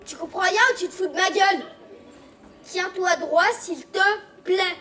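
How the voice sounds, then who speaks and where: An exasperated scolding parent. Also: female voice, very high voice, a little slow, fairly bright tone, a little hiss or hum. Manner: scolding, bossy, sarcastic. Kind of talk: stage acting. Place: theatre stage.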